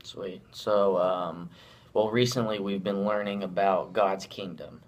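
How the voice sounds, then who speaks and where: A young adult man with a deep voice conducts a casual interview with a fellow student, asking loose, rambling questions and adding his own thoughts. He speaks unhurriedly, and the sound quality is lo-fi.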